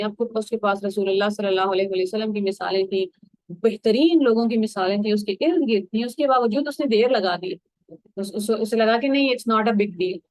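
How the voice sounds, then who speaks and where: A woman's voice: mid-range voice, darkish tone, no room sound, poor audio. A woman giving a Quran commentary lesson, explaining earnestly in a conversational way and slipping in English words. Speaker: Quran teacher.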